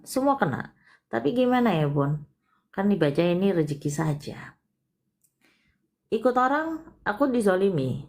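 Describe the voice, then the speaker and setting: A woman hosting a palm-reading live stream, speaking in a tender, coaxing way. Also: on the low side. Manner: coaxing, tender, calls the caller "sayang".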